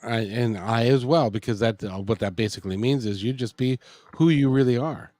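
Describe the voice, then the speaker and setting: A man's voice: mid-range voice, fairly quick, darkish tone, dry recording, clean studio sound. A man hosting a casual interview, earnest, often repeating words as he starts a thought. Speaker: interview host.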